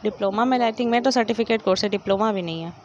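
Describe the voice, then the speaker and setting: A young woman from India chatting casually to viewers about her studies, rambling and often trailing off into soft asides. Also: mid-range voice, quick pace. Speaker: study vlogger. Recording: dull lo-fi phone audio with faint noise.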